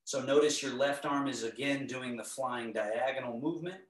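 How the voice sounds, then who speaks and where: A middle-aged man teaching tai chi, giving calm, serene, step-by-step movement cues in a measured way. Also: mid-range voice. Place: indoor home living area. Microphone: camera across the room. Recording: echoey room, distant microphone.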